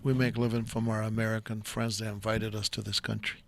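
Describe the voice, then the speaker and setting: A man's voice: on the low side, little pitch movement, fast talker, vocal fry, fairly bright tone. An older man hosting a live talk show, chatting in a rambling, enthusiastic and jokey way.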